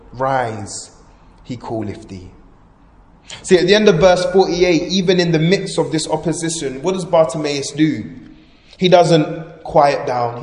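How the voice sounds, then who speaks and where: A man preaching a sermon fervently, rising to loud proclamation and dropping to hushed emphasis. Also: on the high side. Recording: echoey hall with long reverb.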